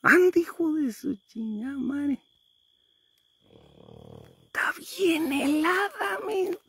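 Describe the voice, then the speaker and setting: A woman's voice: sits high, animated, takes it slowly, slight background noise. A woman vlogger, teasing and swearing in casual chat.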